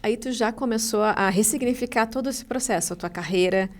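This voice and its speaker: A woman's voice: on the high side, a little fast. A woman with a Brazilian Portuguese accent hosts an interview podcast. She mostly offers short, attentive affirmations while her guest speaks. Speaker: podcast host.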